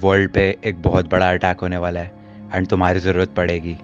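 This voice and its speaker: Stern, commanding hero captain voiced by a man, deep and dead-flat, muffled lo-fi line. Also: soft background music, lightly acted. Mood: grave. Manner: slow, grave, commanding. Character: stern male superhero leader calling. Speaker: role-play player. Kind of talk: game role-play, phone call.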